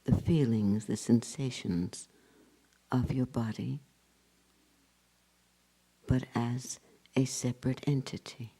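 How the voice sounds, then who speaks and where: On a rough recording, a man with a steady, mid-range voice leads a guided meditation as a spiritual teacher. He talks in short bursts, with long pauses and quiet, hushed endings.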